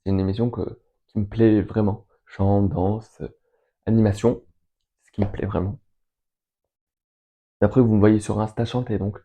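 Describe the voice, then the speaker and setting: A young man chatting casually as host, answering questions in an enthusiastic, rambling way and listing names between pauses. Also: on the low side, little pitch movement, mellow. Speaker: fan video host answering viewer questions. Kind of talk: casual chat.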